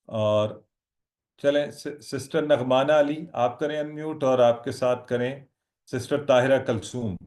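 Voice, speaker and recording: A man's voice: medium pitch, darkish tone. A man teaching an online Arabic lesson, patient and encouraging as he drills his students. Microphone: video call.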